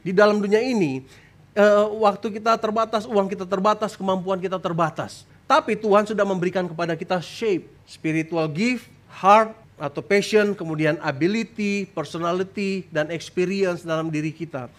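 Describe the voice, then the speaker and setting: Pastor, male, high voice, emphatic sermon with sudden prayerful cries. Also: fairly even intonation, normal speed. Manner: emphatic preaching, often tags lines with "saudara"; voice jumps high when crying out prayers. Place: church stage.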